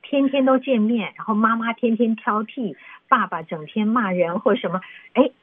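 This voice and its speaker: A woman's voice: on the high side, normal speed, slightly rough, no echo. A woman with a Taiwanese Mandarin accent co-hosting a conversational radio interview, reflective and prompting. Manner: reflective, prompting with questions and short agreements. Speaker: radio co-host. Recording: thin phone-like radio sound.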